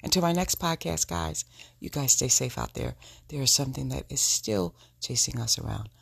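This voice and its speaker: Sultry, husky woman podcaster with gravelly creak. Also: a bass voice, expressive, moderate pace. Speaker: podcast host. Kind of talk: reflective solo podcast talk to listeners.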